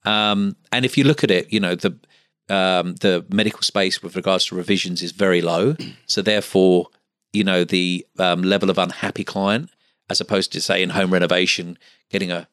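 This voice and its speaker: A man's voice: low voice, fairly even intonation, moderate pace, a bit bright, no room sound, clean studio sound. A middle-aged man from Essex with an Essex accent, talking casually as an interview guest in a chatty, stop-start way. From Essex, England. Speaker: interview guest, medical finance business owner.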